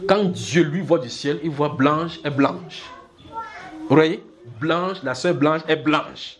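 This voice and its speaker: A man preaching a sermon in church, lively and demonstrative, often checking that the congregation follows. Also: a little high, slow pace. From Cameroon. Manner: animated, acts out little scenes and keeps checking the congregation follows.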